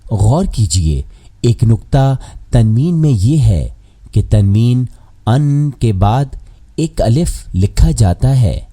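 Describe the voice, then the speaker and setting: Slow, dark-voiced male teacher. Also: medium pitch, big pitch swings. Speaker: Quran recitation teacher. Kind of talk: scripted explanatory lesson.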